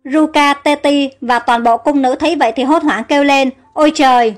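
A woman's voice: sits high, steady tone, normal speed, faint music behind. A woman telling a story aloud in scripted narration and reading every character's lines herself.

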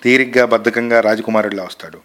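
A man reading a short story aloud in a measured, expressive storytelling manner. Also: lowish voice.

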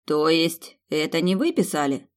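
A stern young captain questioning a suspect in a fantasy audiobook, voiced by a woman. He is formal and businesslike. The voice is low and deep. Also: big pitch swings, normal speed.

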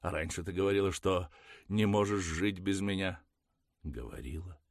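A man reading the part of a hurt young man who turns loud, emphatic and sarcastic. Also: low voice, moderate pace, no room sound, clean studio sound. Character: desperate, hurt young man, quick to mock.

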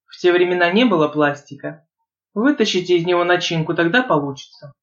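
A man's voice: high-pitched, a little fast, a bit bright, dull audio. A woman reader voicing a sarcastic, mocking young man in an audiobook. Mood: teasing. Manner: teasing, snide.

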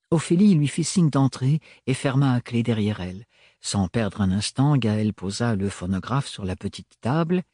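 Husky guy narrating an audiobook, steady measured reading, dry close sound. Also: medium pitch, no echo. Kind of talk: scripted narration.

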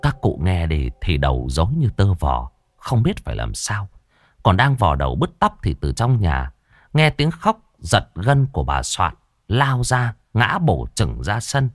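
Low-voiced man telling a horror tale. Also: unhurried, no echo, clean studio sound. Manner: dramatic, expressive. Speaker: storyteller. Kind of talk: horror story narration.

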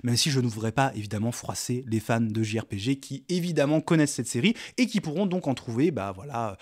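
A man's voice: medium pitch, expressive, fast talker, darkish tone. A man hosting a podcast in casual chat, laughing easily and trailing off with fillers. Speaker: podcast host.

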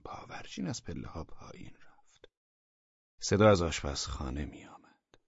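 Low husky guy reading a story, lively intonation, dry muffled sound. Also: no room sound. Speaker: narrator. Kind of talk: audiobook story narration.

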